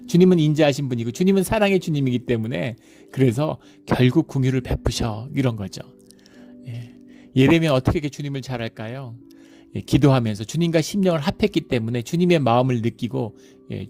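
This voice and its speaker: A man's voice: medium pitch, vocal fry, mellow. A middle-aged male pastor preaching a sermon in a conversational way, often adding little fillers and acting out everyday voices.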